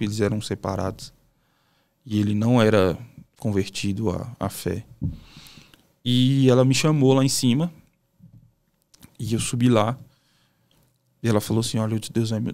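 A man's voice: fairly low pitch, a little mellow. A Brazilian man, a pastor guest on a podcast, telling a personal testimony in a casual, emotional, storytelling way with colloquial asides. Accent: Brazilian Portuguese.

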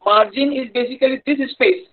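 A man's voice: extremely high pitch, normal speed, slight background noise. A man with a North Indian accent giving a live online engineering lecture in a hesitant, repetitive, explanatory manner. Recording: dull lo-fi online-class audio.

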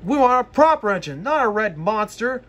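A man acts out rowdy storybook freight cars, pitched way up and loud. They are rude and rebellious, jeering in shrill, repeated taunts. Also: sing-song, normal speed. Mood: jeering, defiant.

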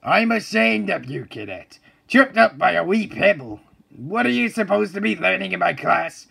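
A man voicing a stern, blustering drill-sergeant driving instructor in a commanding, military cartoon style, gravelly and husky. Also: high voice, very animated, moderate pace, sharp tone, full character voice. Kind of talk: cartoon voice acting.

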